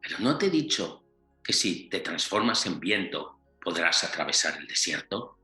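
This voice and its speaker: A man's voice: sits low, very animated, normal speed, pushed and bright, full character voice. A man voicing the wise, patient voice of the desert, which insistently admonishes a stubborn stream. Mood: admonishing. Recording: roomy echo, faint music.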